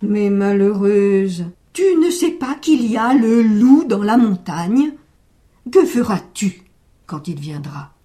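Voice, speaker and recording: A woman voicing a worried, kindly old male goat farmer in a storybook reading, pleading and exclaiming loudly. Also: on the high side, expressive, slow. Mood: alarmed.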